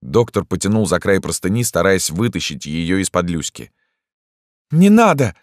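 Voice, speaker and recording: Deep-voiced expressive male narrator. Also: normal speed, no room sound, studio quality. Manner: expressive, dramatic. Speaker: audiobook narrator.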